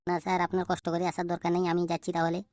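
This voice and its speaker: Guilty cartoon schoolboy, fearful and begging; woman voices him low-pitched, fast, dry sound. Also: monotone, a little mellow, no room sound, faint music behind, natural voice. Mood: pleading. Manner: stammering, pleading, fearful. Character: timid, guilty schoolboy who stole. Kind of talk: cartoon voice acting.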